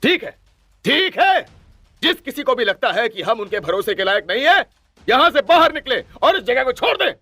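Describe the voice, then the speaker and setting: A man voicing a furious young male leader who shouts bitterly in his people's defense. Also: very high voice, very animated, moderate pace, dry recording, voice pushed up, exaggerated voice.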